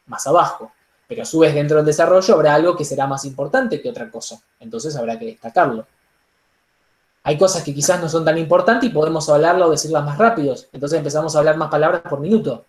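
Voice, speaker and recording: A man with an Argentine accent teaching public speaking in an online workshop, animated, with frequent "digo" and "entonces". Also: fairly high pitch, echoey room. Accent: Argentine Spanish. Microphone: laptop microphone on a video call.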